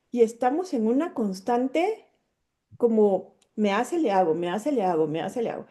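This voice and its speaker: A middle-aged woman from Guatemala, a psychologist, telling her own story in an earnest, expressive way. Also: fairly high pitch. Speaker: psychologist and speaker. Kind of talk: personal testimony talk.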